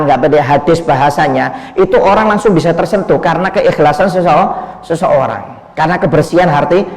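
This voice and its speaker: A man tells a story as part of a sermon, often breaking off a word and starting it again. His voice sits fairly high. A long hall echo trails behind it. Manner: repetitive, cuts off and restarts words, addresses listeners as "Pak". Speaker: preacher. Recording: echoey hall.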